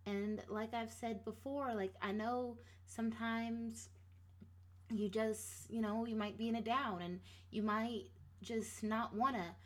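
A woman's voice: a little high, steady tone, slow pace. A woman talking casually to her listeners in a rambling, self-interrupting way with lots of fillers, with a playfully sassy edge. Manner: rambling, many fillers and restarts. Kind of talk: casual motivational monologue.

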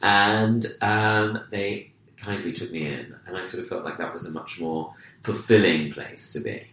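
A young Englishman with a very low voice tells stories with quick, self-mocking jokes. He chats loosely as a guest. The sound carries a roomy echo. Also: fairly bright tone. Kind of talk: casual chat.

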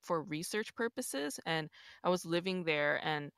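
Lower-pitched woman, attentive podcast host. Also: expressive, slow, no room sound, clean studio sound. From born in Korea, raised in New York. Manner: attentive, frequent short affirmations. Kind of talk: casual interview chat.

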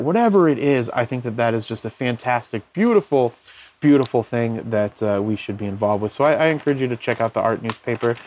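A man's voice: medium pitch, darkish tone. A man hosting a casual lo-fi podcast, rambling loosely with many fillers as he talks from his bed at home. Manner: rambling, many fillers, looks things up mid-talk. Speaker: podcast host.

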